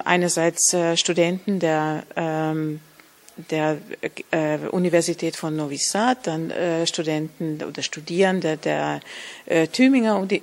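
A woman's voice: on the low side, vocal fry. A woman university lecturer giving spontaneous interview answers, hesitant and searching for words. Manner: hesitant, many fillers and restarts.

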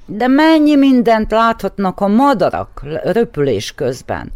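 A woman's voice: mid-range voice, big pitch swings, a little mellow, no echo, voice pushed up. A woman voicing a wistful little squirrel who sighs and dreams of flying. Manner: sighing, wistful.

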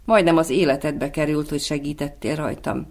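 A man reading the lines of a tender, worried little female swallow, the wife, in a storybook, softly and gently. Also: fairly high pitch, fairly even intonation, vocal fry.

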